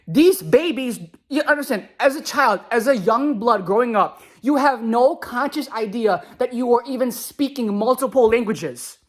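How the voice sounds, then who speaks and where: A woman's voice: on the high side, expressive, moderate pace, hardly any pauses. A woman who speaks Khmer alongside English, delivering an impassioned, preachy monologue to viewers with emphatic repetition.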